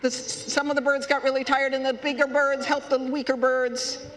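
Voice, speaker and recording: A man leading a children's story time at a worship service, playful and halting, stopping to ask the children questions. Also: very high voice, flat delivery, a bit bright. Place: church sanctuary. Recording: echoey hall.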